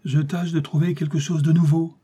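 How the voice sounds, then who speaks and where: A man reading aloud who voices a crippled dwarf jester speaking calmly and deliberately. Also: medium pitch, slightly rough. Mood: lost. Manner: calm, measured speech. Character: crippled male dwarf jester, quietly vengeful.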